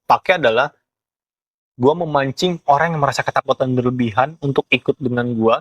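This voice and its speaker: A young man with a Jakarta Indonesian accent explains things in casual chat, haltingly, often searching for words. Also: medium pitch, fairly even intonation, a bit bright, dry recording, highs cut off. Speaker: ghost photographer being interviewed.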